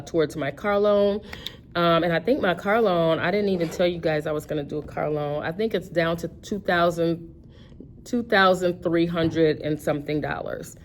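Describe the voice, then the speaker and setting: Low-pitched woman in her 50s, chatty budget vlog, lots of ums, faint noise behind. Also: steady tone, moderate pace. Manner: rambling, self-correcting, many fillers. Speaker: personal finance vlogger. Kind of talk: casual budgeting chat.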